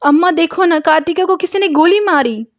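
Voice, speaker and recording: A woman reading a story aloud, voicing a playful young man who teases his family and later shouts in panic. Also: fairly high pitch, normal speed, no room sound, clean studio sound, pitched above the performer's own voice, close to an everyday voice. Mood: frantic. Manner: teasing, then frantic shouting. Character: young man, joking, protective brother figure.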